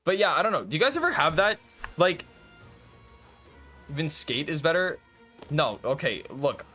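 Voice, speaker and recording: A man's voice: fairly high pitch, very animated, normal speed, bright, forceful tone, soft background music. A man chatting casually and rambling to his viewers while streaming a game, swearing and laughing often. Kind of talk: casual gaming stream chat.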